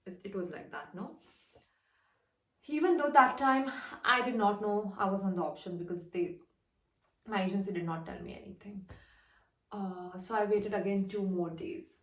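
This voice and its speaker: A woman's voice: medium pitch, normal speed, long pauses, a bit bright. Young indian woman, 20s, chatty storytime, keeps going "i'm like", mic kinda far off. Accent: Indian English. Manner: chatty, retells dialogue with "I'm like". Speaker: fashion model. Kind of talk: casual storytime vlog. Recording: roomy, distant mic.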